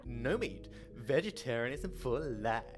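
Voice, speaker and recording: A man voicing small, cowering, twisted game creatures who plead in high, strained voices. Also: lively intonation, measured pace, soft background music, close to an everyday voice. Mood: chanting.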